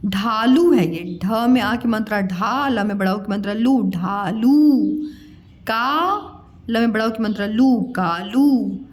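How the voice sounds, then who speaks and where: A woman teaching children to read, stretching each syllable slowly and coaxing the learner as a child, then explaining quickly. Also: mid-range voice. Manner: calls the learner beta, coaxing tone. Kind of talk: Hindi phonics lesson for children.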